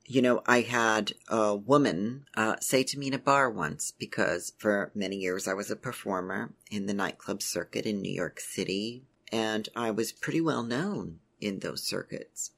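A middle-aged woman hosting a podcast, telling a personal story in a measured, earnest way. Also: very deep voice, creaky, fairly bright tone. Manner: measured, earnest, speaks in drawn-out phrases. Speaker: podcast host.

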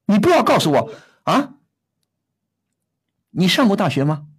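A middle-aged man scolds his caller on an advice show, firing off one blunt question after another. His voice is husky and swings widely in pitch. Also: very animated, a little slow. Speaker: radio advice host.

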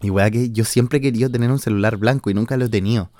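A man in his twenties with a Chilean Spanish accent hosts a podcast from his countryside home, talking fast in a medium-pitched, dark voice. It's a casual monologue full of slang, swearing and fillers, recorded studio-clean with no echo.

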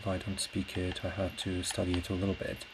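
A classical singer who hosts a podcast talks quickly in a low-pitched voice, his native tongue being Portuguese. His solo monologue is a casual ramble, halting and reflective while he reaches for words, and the clear audio carries a steady hum of background noise.

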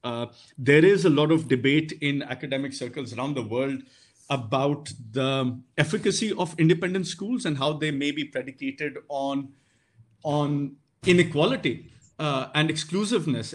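A man's voice: medium pitch, moderate pace. A man with an educated, posh Indian accent giving considered, articulate and formal interview answers, often rephrasing as he goes. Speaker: guest, English teacher and boarding school housemaster.

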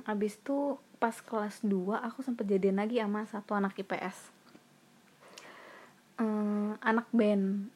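A young woman in her twenties telling her stories in a casual podcast chat, laughing often and mocking herself. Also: mid-range voice. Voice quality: husky, laughs often, animated storytelling. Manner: lively, self-mocking, slangy.

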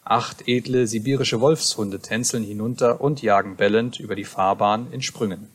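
A man reading a literary story aloud as an audiobook narrator, with a measured, deliberate delivery. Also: fairly low pitch, steady tone, slightly rough.

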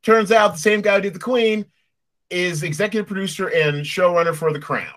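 A man with an American accent hosting a casual review chat, talking in an animated way with conversational asides. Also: high voice, fairly quick. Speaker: show host.

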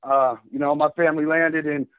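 A man's voice: fairly high pitch, level tone, fairly quick, clean tone, no room sound. Give me a man calling in by phone, fired up and rambling, on a dry, tinny phone line. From Washington State. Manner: fired up, rambling with many fillers. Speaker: caller. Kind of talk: casual call-in talk.

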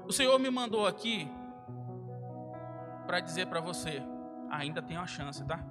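A man's voice: sits high, lively intonation, measured pace. A young man preaching a sermon in a church hall, casual and familiar, acting out the dialogue in his stories. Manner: casual, addresses listeners as "cara" and "irmão". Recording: long hall reverb, loud music behind. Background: guitar music.

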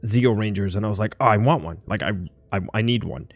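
A man's voice: fairly low pitch, quick pace, no echo, faint music behind. A man hosting a podcast, talking casually in a rambling, enthusiastic way. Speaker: podcast host. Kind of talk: casual interview chat.

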